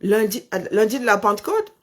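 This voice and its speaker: A woman with a lisp that makes her s sounds slushy, chatting casually and haltingly, often repeating words as she thinks. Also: mid-range voice, big pitch swings. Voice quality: husky, creaky voice. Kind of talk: casual chat, talking to herself and on a phone call.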